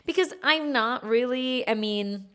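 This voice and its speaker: A woman from Egypt, raised in Kuwait, hosting her own podcast in a chatty, quick, emphatic way. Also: a little high. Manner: chatty, fast-talking with lively emphasis. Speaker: podcast host. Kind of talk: solo podcast talk.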